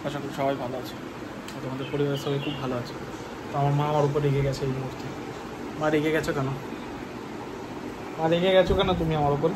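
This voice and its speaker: Chatty high-voiced young man vlogging. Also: steady tone, fast talker, pauses often, heavy background noise. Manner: chatty, teasing, pleading with his mother. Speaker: family vlogger. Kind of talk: casual vlog chat to camera.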